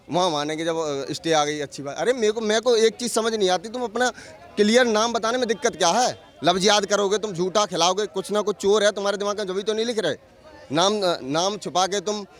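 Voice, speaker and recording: A man answering a street interviewer outdoors, forceful and indignant, firing rhetorical questions. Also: high-pitched. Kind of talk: heated street vox pop.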